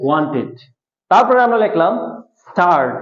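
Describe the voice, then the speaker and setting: A man's voice: high-pitched, quick pace. A man teaching English to a class, asking a question and then repeating it to the students. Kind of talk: classroom lesson with call and response. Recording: echoey room, tinny phone-like sound.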